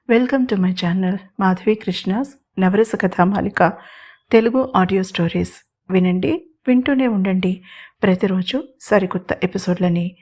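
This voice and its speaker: A woman host narrating a romantic audio story in a steady, expressive reading voice. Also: medium pitch.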